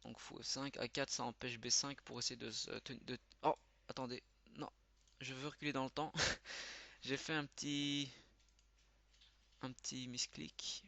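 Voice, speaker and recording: A man giving live commentary as he plays, thinking aloud with quick muttered exclamations. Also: mid-range voice, flat delivery, gravelly, sharp tone, dry recording. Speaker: channel host. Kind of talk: live commentary while playing.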